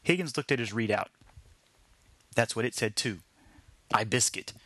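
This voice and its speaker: A man narrating his own short story in a wry, deadpan storytelling manner. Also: medium pitch, normal speed, no room sound.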